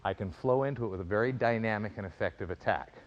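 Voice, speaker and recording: Low-voiced man teaching with crisp fencing commands. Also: highs cut off. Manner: measured explanation with crisp, clipped fencing commands. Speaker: fencing and self-defense instructor. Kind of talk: instructional demonstration.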